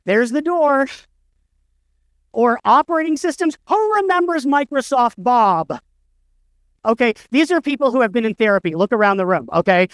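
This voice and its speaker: During his storytelling keynote on an indoor stage, a middle-aged man uses wry, self-deprecating humor. His very high, smooth voice has lively intonation and a normal speed, recorded dry.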